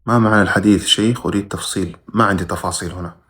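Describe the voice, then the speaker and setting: Guy with a lowish voice doing a live q&a, reads out questions and answers short, sometimes jumps up loud. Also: fairly even intonation, rapid-fire. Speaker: religious teacher answering viewers' questions. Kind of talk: live-stream Q&A, reading comments aloud.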